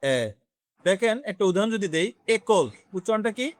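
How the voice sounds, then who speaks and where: This classroom lesson features a man whose voice is high and animated, with no echo in the recording. Teaching French to beginners, he walks through the material slowly, stops to quiz the class, and slips in English words.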